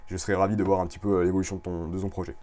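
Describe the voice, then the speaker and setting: A man casually reviewing clothing brands over a screen recording, chatty and relaxed, with many fillers and restarts. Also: deep voice, racing.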